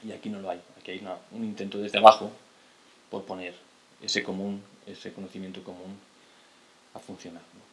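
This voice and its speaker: A man's voice: low-pitched, flat delivery, fairly quick, long pauses, fairly bright tone. A man, lecturing from a table in a lecture hall, hesitant, with restarts and tag questions. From Spain. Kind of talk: lecture to an audience. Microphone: table mic on a stand.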